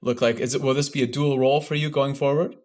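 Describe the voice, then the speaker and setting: A male podcast host with a mid-pitched voice asks curious, probing questions. He interviews in a relaxed conversational way. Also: quick pace.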